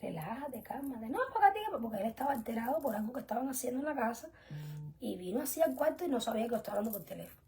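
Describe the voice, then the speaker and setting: A young woman teaching an online religious class, earnest and emphatic, often dropping to soft whispered asides. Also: fairly high pitch, rapid-fire, a little hiss or hum. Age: young adult. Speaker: spiritual teacher.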